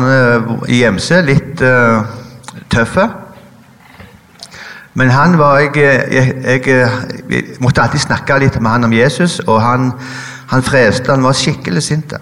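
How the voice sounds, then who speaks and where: A man telling a personal faith testimony in a halting, hesitant way, pausing often with fillers. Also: mid-range voice, a bit bright, long reverb tail. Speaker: guest giving a personal testimony. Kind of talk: emotional spoken testimony.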